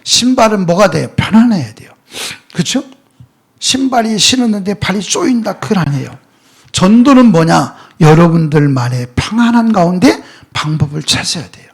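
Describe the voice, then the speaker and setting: A man's voice: high-pitched, sing-song, normal speed, husky. A male pastor preaching a sermon, emphatic and full of rhetorical questions, at times dropping to a near-whisper. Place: church sanctuary.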